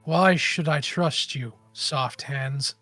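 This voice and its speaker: A man voicing a guarded, stern female hunter leader in a tabletop game, speaking in a solemn, measured and weary way. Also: fairly high pitch, bright, forceful tone, dry recording, soft background music, full character voice. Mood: wary, solemn. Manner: slow, solemn, measured delivery.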